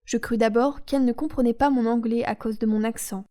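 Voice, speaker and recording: A woman reading a novel aloud in a calm, soothing audiobook narration. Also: a little high, fairly quick. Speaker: audiobook reader.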